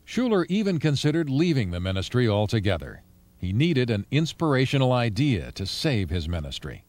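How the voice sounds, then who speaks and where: A man giving scripted documentary narration in a measured storytelling delivery. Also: mid-range voice, very animated, darkish tone.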